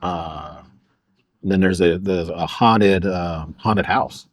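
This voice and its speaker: A man's voice: low voice, takes it slowly, no echo. A middle-aged man from Oklahoma, a podcast guest telling stories in a casual, rambling way full of fillers. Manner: rambling, lots of uh and you know. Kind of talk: casual storytelling.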